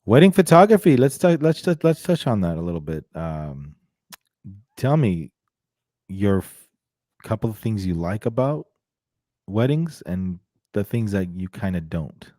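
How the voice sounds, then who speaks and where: A middle-aged man from Armenia hosting a relaxed chat over a video call, talking casually with lots of fillers and restarts into a close studio mic. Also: fairly low pitch, unhurried, long pauses, dry recording. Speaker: podcast host interviewing a photographer. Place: indoor room with leather couch, on a video call. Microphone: studio microphone close to the mouth.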